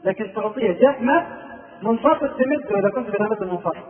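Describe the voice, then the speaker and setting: A man with an Egyptian accent teaching a religious lesson, explaining points and chanting drawn-out examples to demonstrate them. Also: sits high, expressive, soft background music. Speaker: Islamic preacher. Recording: distant, echoey, phone-like old tape recording.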